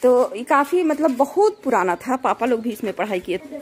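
With a sing-song lilt at normal speed and a voice on the high side, a middle-aged woman from Bihar, India, narrates a casual walking vlog. Speaking with a Bihari Hindi accent, she guides her son through an old village school. She's filming on a phone held at arm's length.

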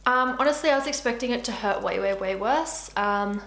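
A woman's voice: on the high side, fairly quick, fairly bright tone. A young woman in her twenties chatting casually while eating, talking with her mouth full. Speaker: beauty vlogger. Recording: echoey room with faint hiss.

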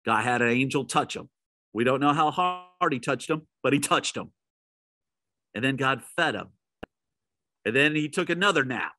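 Dry-voiced pastor retelling a story. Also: male voice, dry recording. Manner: storytelling, drops to a soft low voice for emphasis; speaks straight to listeners. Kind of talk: midweek sermon.

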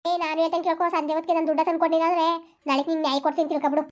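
Woman acting furious rural lender lady, shrill scolding, very high, flat, rapid. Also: highs cut off. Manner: scolding, threatening. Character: angry village moneylender woman, scolding.

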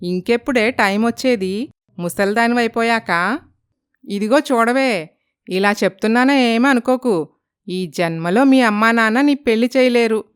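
A woman's voice: a little high, a little slow, clean tone, no room sound, studio quality, lightly acted. A woman voicing a gossiping village aunt who talks in a mocking, needling way.

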